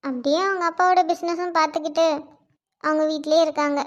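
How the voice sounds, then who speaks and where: A woman voicing a sharp-tongued best friend. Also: high-pitched, steady tone, lightly acted. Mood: telling. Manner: chatty storytelling, quick retorts. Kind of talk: Tamil cartoon voice acting. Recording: dull lo-fi audio.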